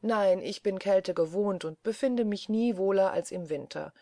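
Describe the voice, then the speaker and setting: A woman reading the lines of a cheerful, brisk young male traveler who answers in a light, easygoing way. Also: medium pitch, warm tone, no room sound, clean studio sound, lightly acted.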